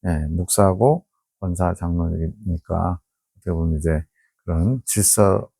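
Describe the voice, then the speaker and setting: A man's voice: low-pitched, measured pace, vocal fry, warm tone, breathy edge, no echo, studio quality. A man preaching a sermon, reading journal entries aloud and then explaining them in plain conversational asides.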